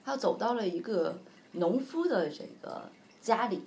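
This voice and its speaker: A woman's voice: mid-range voice, expressive, unhurried, a little mellow. Chatty woman telling a fairy tale. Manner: chatty, hesitant, many fillers. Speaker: storyteller. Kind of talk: casual storytelling.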